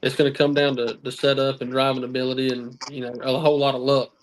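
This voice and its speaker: A man answers casually and matter-of-factly. His delivery is very flat, in an average pitch, with faint noise on the recording. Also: quick pace, low-quality recording. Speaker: tractor pull competitor.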